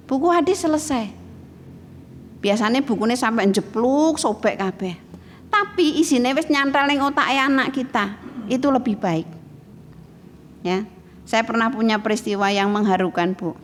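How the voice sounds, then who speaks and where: A woman's voice: on the high side, a little slow, long pauses, a little hiss or hum. Perempuan berlogat Jawa, penceramah yang sering bertanya ke jamaah; rekaman bergema dengan suara ruangan samar. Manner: lively, asks listeners questions. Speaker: religious teacher. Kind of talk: religious talk to women. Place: mosque hall. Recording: echoey hall with faint ambience.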